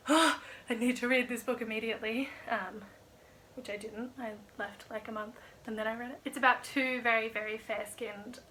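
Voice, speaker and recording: A woman's voice: a little high, bright, forceful tone, a little hiss or hum. A woman casually rambling through a monthly book wrap-up, chatty and wry, with plenty of "like" and "um". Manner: wry and self-mocking. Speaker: book vlogger.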